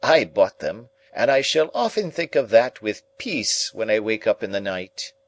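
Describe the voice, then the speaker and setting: A man voicing a fussy, self-pitying older woman relative in an audiobook reading, with a shrill, affected, exclaiming manner. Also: big pitch swings, unhurried. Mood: indignant. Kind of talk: audiobook character voice.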